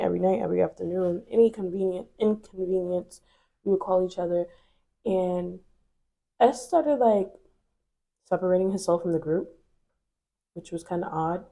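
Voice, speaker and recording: The recording is rough, capturing a woman in her twenties whose lowish voice sounds gravelly and warm. She's a vlogger with a cold, casually telling viewers a personal story in a candid, filler-heavy way.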